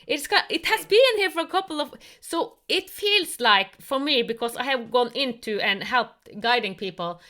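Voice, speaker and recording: A woman hosting a casual online conversation who speaks earnest, halting English full of spiritual talk. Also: high voice, expressive, pushed and bright. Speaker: host. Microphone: online call.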